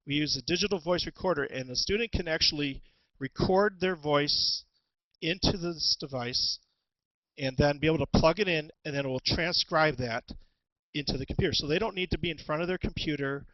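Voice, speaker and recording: A man presenting an instructional webinar as a teacher, talking through tools in a halting way with many ums and restarts, on a headset. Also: on the high side, dry recording, muffled recording. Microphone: headset with headphones.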